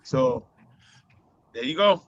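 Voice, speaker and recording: A man's voice: mid-range voice, expressive, slow, lo-fi sound. A man with a Boston accent hosting a casual live show, rambling with many fillers and laughing often. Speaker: host.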